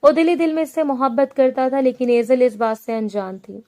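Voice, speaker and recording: A woman narrating a romantic novel in a steady storytelling manner. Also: sits high. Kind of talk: scripted narration.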